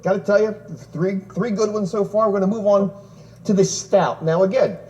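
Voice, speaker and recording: A man's voice: sits high, moderate pace, a little mellow, highs cut off. A man hosting a TV tasting show, easygoing and jokey as he leads the chat. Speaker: TV show host. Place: TV studio.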